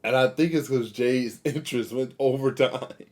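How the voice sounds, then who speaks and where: A young man co-hosting a casual chat, easygoing and agreeable, often trailing off softly. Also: medium pitch, a little slow. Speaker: podcast co-host.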